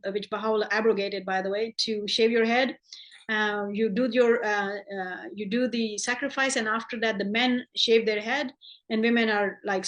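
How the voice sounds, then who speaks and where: Woman teaching a class, chatty and unscripted. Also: medium pitch. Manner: conversational, many restarts, acts out quoted dialogue. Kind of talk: informal class lecture.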